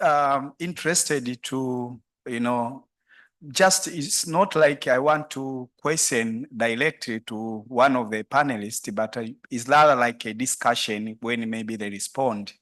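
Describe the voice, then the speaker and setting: A man's voice: mid-range voice, a bit bright. A man from Tanzania speaking from the floor at a conference, rambling and hesitant with many fillers. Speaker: audience member asking a question.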